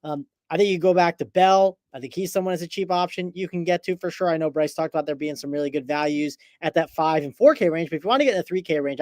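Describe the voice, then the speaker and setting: A man's voice: fairly high pitch, darkish tone, no echo, clean studio sound. A man hosting a sports betting show, reading viewer chat and steering the talk between picks. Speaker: show host. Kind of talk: casual podcast chat.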